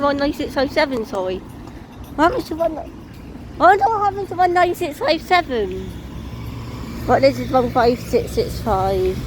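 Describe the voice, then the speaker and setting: Excitable high-voiced woman spotting buses outdoors. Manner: excitable, rattles off fleet numbers and plates. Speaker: transport enthusiast vlogger. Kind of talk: casual spotting commentary. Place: outdoors by streets and bus stops. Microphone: handheld phone. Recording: noisy outdoor phone recording. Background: traffic and street noise.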